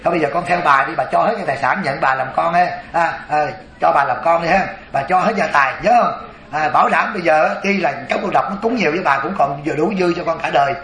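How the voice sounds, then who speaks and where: A man's voice: fairly high pitch, fast talker, fairly bright tone, reverberant. A man voicing a wealthy, scheming old woman, talking in a wheedling, chatty way. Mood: coaxing.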